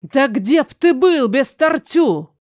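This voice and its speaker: A woman voicing an angry young man who runs a theater troupe, shouting at his brother. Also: high-pitched, expressive, slow pace, dry recording, clean studio sound, voice pushed up. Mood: furious. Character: furious younger brother, troupe owner, male.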